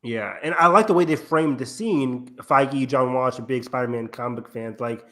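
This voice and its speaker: A man's voice: mid-range voice, moderate pace, pushed and bright. A man co-hosting a podcast in casual chat, talking eagerly and tripping over his words. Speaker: podcast co-host.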